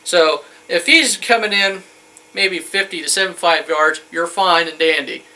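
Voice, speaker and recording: The recording is rough. Indoors amid wood paneling, a thirtysomething man speaks at normal speed in a high-pitched, sharp voice, giving a rambling, folksy, colloquial how-to talk as a hunting instructor.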